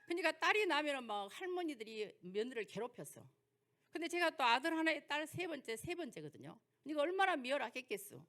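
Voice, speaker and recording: A sing-song, high-pitched, somewhat bright voice comes quickly from an older woman pastor. With a Jeolla accent from her home region in South Korea, she preaches a sermon lecture through folksy personal stories and rhetorical questions.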